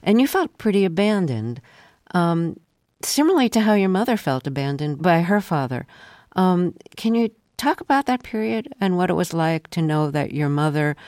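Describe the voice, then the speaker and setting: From a studio, a woman hosts a radio interview, putting calm, probing questions with frequent pauses and ums. Her voice is low-pitched, with no echo.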